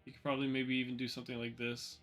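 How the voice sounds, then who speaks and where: A man's voice: mid-range voice, completely flat delivery, racing, a bit bright, faint music behind. A man hosting a casual trading livestream, chatting loosely and answering viewers with fillers and repeated words. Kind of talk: casual livestream market commentary.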